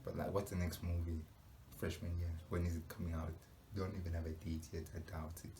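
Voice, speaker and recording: A man hosting a reaction video, musing out loud with rhetorical questions and laughs. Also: low-pitched, flat delivery, a little fast, background noise. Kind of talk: casual reaction commentary.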